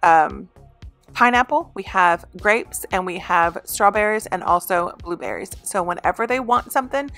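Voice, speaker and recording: A woman's voice: mid-range voice, moderate pace, a bit bright, faint music behind. A woman in her thirties talking casually about her meal prep as a home vlogger, with many ums and restarts. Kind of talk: casual voice-over narration.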